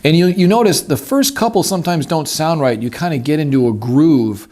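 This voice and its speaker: A hunting instructor demonstrates a turkey call at a wooden table, explaining the technique in an informal, folksy, easygoing way as a casual hands-on tutorial. His voice is a little high, brisk, and a little mellow. The recording has clear background noise and the clicking of the call.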